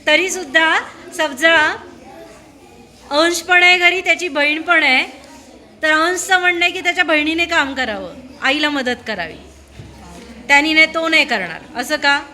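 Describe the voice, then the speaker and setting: A woman's voice: high voice, moderate pace, long pauses, sharp tone. A woman questioning a class of schoolchildren in a school room, prodding them with repeated, coaxing questions.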